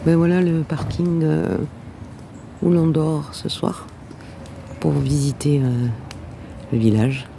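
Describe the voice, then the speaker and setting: A woman's voice: low voice, level tone, slow, gravelly, pauses often, rough recording. A middle-aged woman chatting casually through a travel vlog, hesitating often, a little out of breath from walking. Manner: chatty, with frequent hesitations and laughs. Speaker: travel vlogger. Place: outdoors in a windy hilltop town. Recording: loud wind noise on the mic.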